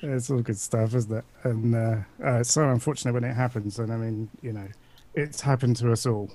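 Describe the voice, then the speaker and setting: A man's voice: medium pitch, steady tone, a little fast, warm tone, slight background noise. A man hosting a casual panel chat, talking in a chatty, questioning way. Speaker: show host.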